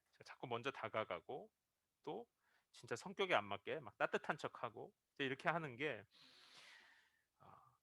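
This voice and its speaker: A man's voice: medium pitch, sharp tone, no room sound. A male pastor preaching a Sunday sermon, telling a story and acting out the quoted lines as he builds to emphatic peaks.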